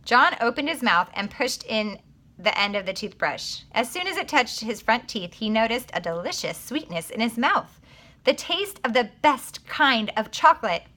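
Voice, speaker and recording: A woman reading a children's chapter book aloud, with lots of expression. Her voice is bright and lifts high, and it swoops up and down as she reads. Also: normal speed. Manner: expressive, animated.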